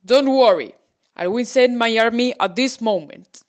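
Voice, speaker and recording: Woman playing a wise old lord, serious and firm, a bit louder than her narration. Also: a little high, normal speed, natural voice. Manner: serious, commanding.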